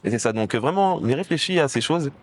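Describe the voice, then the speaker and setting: A man's voice: medium pitch, expressive, fast, a little hiss or hum. A young man in casual conversation, earnestly sharing his faith with someone, often asking "you see?" as he explains. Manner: earnest, persuasive, fillers "tu vois". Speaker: street evangelist.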